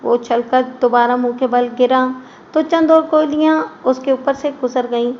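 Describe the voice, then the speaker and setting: A woman narrating a crime audiobook in a steady storytelling voice. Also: high-pitched, moderate pace. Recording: slightly muffled recording with faint noise.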